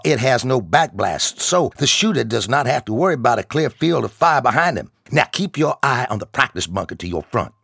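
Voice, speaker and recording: A man voicing a loud, commanding army drill sergeant who barks orders and swears. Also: mid-range voice, vocal fry, no room sound, studio quality, voice pushed up, heavily acted. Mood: instructing. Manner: barking, commanding, profane.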